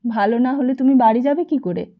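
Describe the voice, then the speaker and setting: A woman voicing a devoted young wife who soothes her sick husband gently and coaxingly. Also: sits high, a little fast, pitched above the performer's own voice. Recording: slightly dull lo-fi recording.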